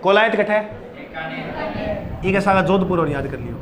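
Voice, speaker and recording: A male teacher giving a classroom lecture, loud and playful, drilling students with call-and-response chants. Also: high voice, lively intonation, moderate pace, noisy background.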